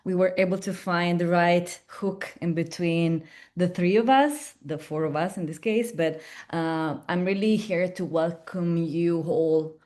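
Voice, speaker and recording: With a lowish, darkish voice and a measured pace, an Italian-accented woman represents a platform in a webinar presentation. She talks in a chatty way, often restarting and tossing in tag questions.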